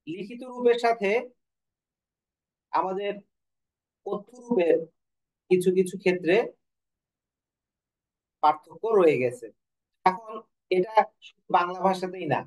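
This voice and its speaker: A man's voice: high-pitched, highs cut off. A man teaching an online class, asking questions and answering them himself, sometimes correcting himself. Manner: corrects himself mid-sentence. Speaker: Bengali teacher.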